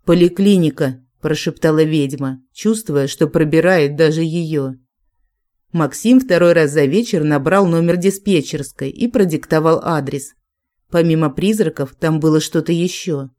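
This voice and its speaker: An audiobook narrator reading a fantasy novel in an even, unhurried manner. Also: medium pitch. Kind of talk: scripted narration.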